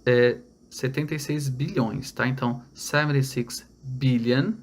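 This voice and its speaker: A man's voice: medium pitch, fairly even intonation. A man from Brazil giving an online English lesson, explaining step by step and checking in with his students. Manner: explains step by step, repeats numbers slowly in English; checks in with "tá?" and "olha lá". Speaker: English teacher.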